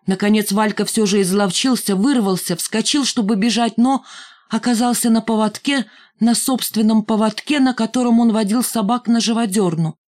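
A woman reading an audiobook in a steady, expressive narration. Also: on the high side, moderate pace. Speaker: audiobook reader. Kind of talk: scripted narration.

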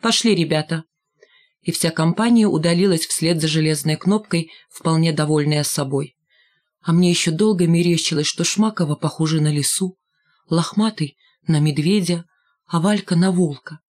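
A woman's voice: sits low, normal speed, a little mellow. A woman narrating a novel in the first person, reading expressively. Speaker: audiobook reader.

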